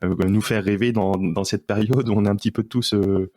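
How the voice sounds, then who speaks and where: A man's voice: on the low side, fairly even intonation, a little fast, mellow. A man hosting a podcast, giving short backchannels and asking questions with stammered restarts. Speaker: podcast host. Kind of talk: casual conversational interview.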